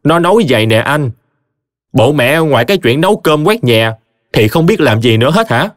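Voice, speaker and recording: A man's voice: on the high side, animated, moderate pace, no echo, clean studio sound, pitched above the performer's own voice, natural voice. A man voicing a brash, blustering young husband from a village, ranting. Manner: loud, ranting, complaining.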